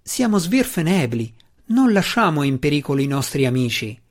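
A man voicing a gruff, hot-tempered male deep gnome warden who growls and protests loudly. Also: very animated, normal speed. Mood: indignant. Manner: loud, growling and indignant.

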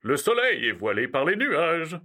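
A man playing a jolly, carefree old Father Christmas in an audio story, calm and reassuring. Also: a little high, a little slow, exaggerated voice. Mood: jovial.

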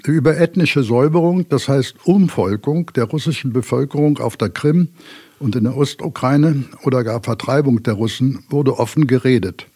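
Man, husky voice, former school official, prepared statement, matter-of-fact. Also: mid-range voice, normal speed, warm tone.

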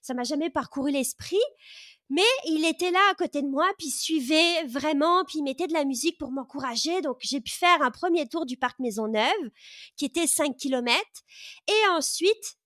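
A woman's voice: high-pitched, normal speed, fairly bright tone, no room sound, studio quality. A woman in her thirties, a podcast host, telling her personal story in a casual, enthusiastic way with many hesitations and restarts. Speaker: podcast host, guest of this episode.

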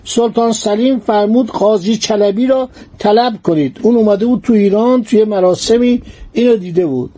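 High-voiced, mellow male history storyteller. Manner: lively narration mixing formal and colloquial speech.

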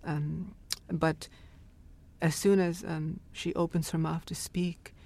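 A poet speaking softly, then reading a poem aloud in a measured way with long pauses. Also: male voice, on the high side, little pitch movement, vocal fry. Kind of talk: poetry reading.

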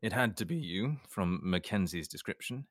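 A man acts out a suave army captain interrogating in a period drama, low and dry in sound. His modern British RP speech is formal, measured and sardonic, with cold politeness over menace. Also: lively intonation, dry recording. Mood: coolly probing.

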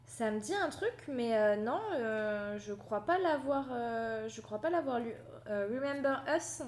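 A woman's voice: a little high, animated, measured pace. A woman hosting a casual podcast interview, hesitant and thinking aloud with many fillers. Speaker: podcast host.

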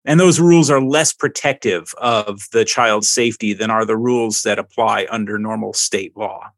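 A man's voice: on the low side, normal speed. A man speaking as a guest on a podcast.

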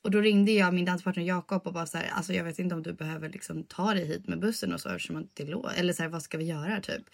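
A woman's voice: lowish voice, gravelly. A woman co-hosting a podcast in casual chat, telling loose stories packed with fillers. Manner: loose storytelling full of fillers like typ and alltså. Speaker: podcast co-host. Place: in Sweden.

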